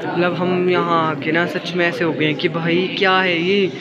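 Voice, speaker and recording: Holding his phone at arm's length, a twenty-something vlogger from Himachal Pradesh, India, narrates casually as he walks hill paths outdoors and sometimes goes inside. His high voice barely shifts in pitch, at normal speed, over a noisy crowd. The lo-fi audio has loud music overlaid on his voice.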